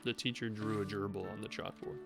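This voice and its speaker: A man giving animated, jokey commentary while playing a game, talking to the characters on screen. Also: lowish voice, fairly quick, creaky. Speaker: gamer. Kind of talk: let's play commentary. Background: game music.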